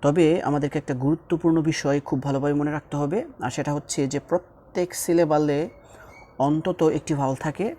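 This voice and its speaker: A man's voice: fairly high pitch, steady tone, fast, warm tone. A man teaching English grammar in a YouTube lesson, repeating each rule and mixing with English.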